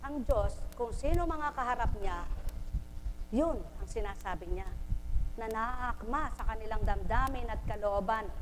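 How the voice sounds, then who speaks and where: A woman delivers a sermon in a high voice, throwing rhetorical questions at her listeners and acting out little scenes of gossip. The live recording carries a long reverb from the hall and a faint hiss underneath. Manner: rhetorical, questioning the congregation, animated storytelling. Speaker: preacher.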